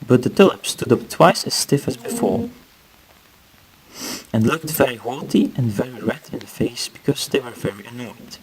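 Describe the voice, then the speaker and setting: A man reading a fairy tale aloud in an expressive storybook-opening manner, speaking straight to the listener and now and then stumbling over a word. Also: medium pitch, normal speed, crowd noise, poor audio. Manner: storybook-opening delivery, addressing the listener directly.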